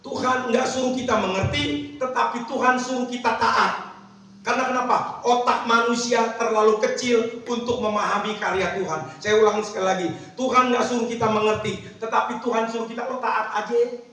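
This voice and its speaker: Male pastor, casual slangy sermon, high-pitched, very roomy distant church sound. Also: fairly even intonation, fairly quick, pushed and bright. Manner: casual slangy preaching with call-and-response. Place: church hall. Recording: very echoey church hall, mic at a distance.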